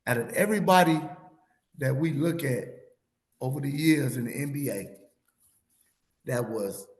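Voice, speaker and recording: A man in his thirties or forties hosts a sports podcast while losing his voice, rambling animatedly through stories in casual chat. His pitch is medium, his speed normal, and the sound is reverberant.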